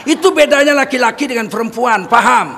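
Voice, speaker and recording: A middle-aged Indonesian man preaching a sermon, telling lively stories and acting out dialogue with humor. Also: very high voice, fairly quick. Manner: animated storytelling with acted dialogue and jokes. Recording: long hall reverb, faint noise.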